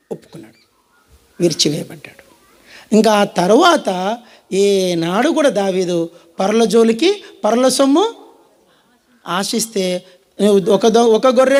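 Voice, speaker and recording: A man with a Telugu accent preaching a sermon, dramatic and swinging between loud and hushed, calling on the congregation to answer. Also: extremely high pitch. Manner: calls on the audience to answer.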